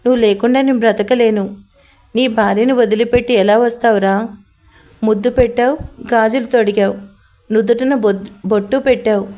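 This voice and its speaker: A woman's voice: on the high side, steady tone, moderate pace, long pauses, dark tone, natural voice. A woman voicing a drunk, heartbroken young woman in a spoken love story, pleading tearfully.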